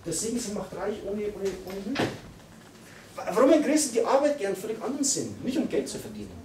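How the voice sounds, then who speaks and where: A man preaching a live church sermon, emphatic and repetitive, with sudden loud bursts. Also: high voice, big pitch swings, a little fast, background noise. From Austria. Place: church hall. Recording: echoey hall, mic from far off.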